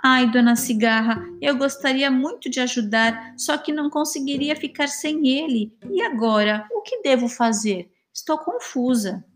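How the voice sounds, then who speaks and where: A woman reading a storybook voices an eager, quick-thinking little girl with a raised, lively voice. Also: high voice. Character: curious anxious little girl.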